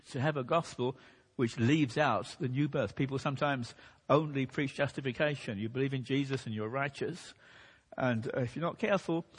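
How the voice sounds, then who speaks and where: A man preaching a sermon in a measured teaching manner, losing his voice a bit. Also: mid-range voice, slightly rough. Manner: measured teaching delivery, occasional restarts. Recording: long hall reverb.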